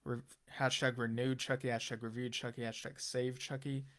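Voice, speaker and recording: A man hosting his own channel, giving a casual spoken review of a TV episode and thinking aloud with many pauses, fillers and restarts. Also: mid-range voice, flat delivery, slight background noise.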